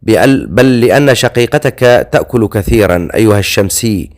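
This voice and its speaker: A man's voice: lowish voice, lively intonation, moderate pace. A man reading the lines of a wounded outsider knight in an audiobook, speaking in a weary, dryly witty way.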